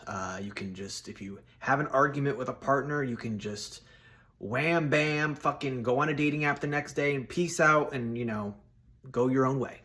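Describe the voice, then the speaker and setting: The voice belongs to a solo video host in his thirties airing his views, bright and forceful at a medium pitch and moderate pace. He keeps it informal and blunt, talking to viewers like friends.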